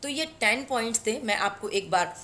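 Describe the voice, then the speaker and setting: Indian accent woman, english teacher, slow careful english phrases, faint background noise. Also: on the high side, animated, a bit bright. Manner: mixes Hindi and English, slow deliberate English phrases. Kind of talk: spoken English lesson.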